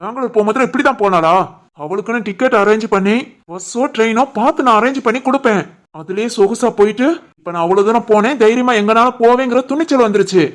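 A woman voicing a young husband and son in an animated family drama, scolding and stern, with a Tirunelveli Tamil accent. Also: a little high, fast, lightly acted. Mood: angry. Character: young husband and son, short-tempered man.

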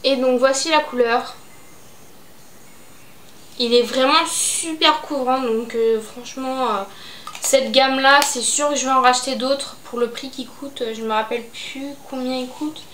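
A woman's voice: high-pitched, fairly even intonation, unhurried, fairly bright tone. A young adult woman chatting casually about her beauty and fashion purchases, hesitant with lots of fillers. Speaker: beauty vlogger. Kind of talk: casual haul chat. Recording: echoey room, faint noise.

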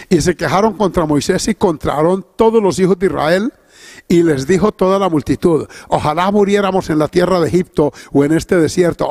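A man's voice: fairly high pitch, creaky, darkish tone, breathy edge, dry recording, clean studio sound. A man preaching a sermon as pastor, emphatic and punctuated with cries of praise. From Colombia.

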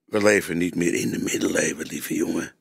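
A man's voice: on the high side, sing-song, vocal fry, a bit bright, no room sound, voice pushed up, full character voice. Man doing a grey, stern old detective. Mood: patient. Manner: firm, measured, stern. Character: older male police detective, grey and stern.

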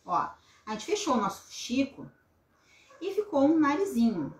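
Craft host, woman in her thirties, animated intonation, casual live delivery, echoey room. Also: high-pitched, normal speed. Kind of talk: casual live craft demonstration with chat greetings. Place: small indoor craft room at a table. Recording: roomy echo, some background noise, clicks.

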